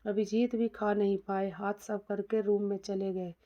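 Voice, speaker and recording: Mellow-voiced woman telling a story. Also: mid-range voice, level tone, moderate pace. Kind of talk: scripted story narration. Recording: dull lo-fi recording.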